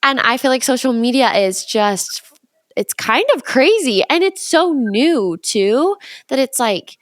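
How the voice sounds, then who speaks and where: A woman hosting a podcast, chatting casually in quick bursts and agreeing often. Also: high voice, very animated, no room sound, studio quality. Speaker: podcast host.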